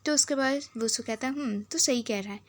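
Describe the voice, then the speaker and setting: A woman's voice: on the high side, a little fast. A woman casually retelling a drama episode, reading the characters' lines in her own voice. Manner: retells the scenes and reads each character's dialogue in her own voice. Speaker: drama recap narrator.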